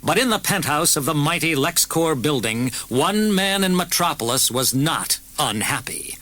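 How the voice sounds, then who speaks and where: Expressive man reading a storybook. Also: on the high side, normal speed. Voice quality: expressive, varied delivery. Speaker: audiobook narrator. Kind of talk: storybook narration.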